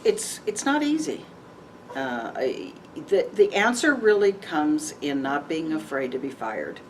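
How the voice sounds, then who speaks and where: A woman with a notably low voice tells her story candidly, with an animated lilt and easy laughs. She is caught at a distance from the mic, so her voice sounds set back in the room. A faint hiss sits beneath her words. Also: measured pace. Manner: frank and animated, laughs often. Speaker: interview guest. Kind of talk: candid conversational interview. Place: event venue with audience tables.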